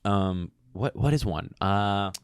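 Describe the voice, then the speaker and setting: A man co-hosting a podcast in casual chat, jokey and riffing, quick to crack himself up. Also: lowish voice, clear, resonant tone, no room sound, studio quality. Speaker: podcast co-host. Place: bedroom.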